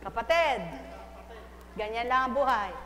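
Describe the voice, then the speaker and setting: High-voiced woman coaxing in an echoey hall. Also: lively intonation, measured pace, a bit bright. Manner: coaxing, repetitive urging, laughs often. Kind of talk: live healing prayer session.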